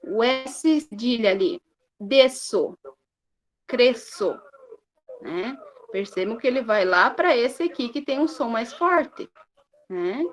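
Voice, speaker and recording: A Brazilian woman teaching a recorded lesson in a slightly high voice. She talks very slowly and stretches out each syllable. She keeps checking in with her students as she goes. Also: animated, low-quality recording. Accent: Brazilian Portuguese. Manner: slow, drawn-out syllables with frequent "né?" and "tá?" checks.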